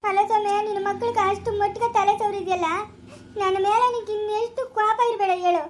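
A woman's voice: very high voice, steady tone, quick pace, slight background noise. A woman playing a distraught village wife in a family skit, speaking in a tearful, wailing voice with a rural Chikkaballapura Kannada accent. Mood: tearful, lamenting.

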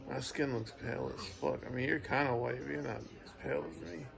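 A tired man in casual chat, talking in a low-key, mumbling, laid-back way. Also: steady tone, brisk, vocal fry, crowd noise. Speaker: vlogger's partner.

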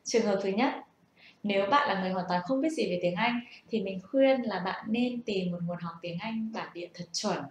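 A woman's voice: medium pitch, normal speed, noisy background. A young woman gives a casual, patient spoken lesson and asks the listener rhetorical questions. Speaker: self-taught English learner sharing tips. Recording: echoey room.

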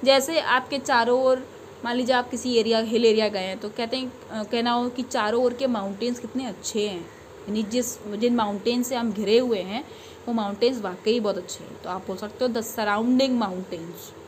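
A young woman teaching an English grammar lesson, explaining patiently, reading example sentences slowly and often checking that students follow. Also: on the high side, steady tone, slight background noise.

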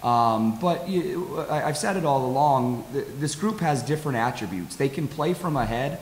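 A middle-aged American man, a college soccer coach, giving measured, halting answers in a post-game interview. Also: medium pitch, animated. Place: press conference table with backdrop. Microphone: table stand microphone. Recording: echoey hall, audible hiss.

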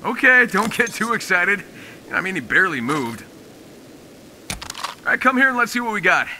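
A cocky wisecracking game squadmate. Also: male voice, high voice, very animated, normal speed, heavy background noise. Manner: teasing, joking, bouncy delivery. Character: cocky wisecracking male squadmate coaching a rookie. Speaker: tutorial guide character. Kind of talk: game voice acting.

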